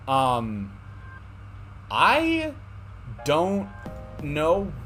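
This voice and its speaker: A man's voice: a little high, fairly bright tone. Joking man on livestream headset audio. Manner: joking, self-mocking asides to chat. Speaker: streamer. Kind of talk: casual livestream commentary over gameplay. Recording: game music playing clearly under the voice.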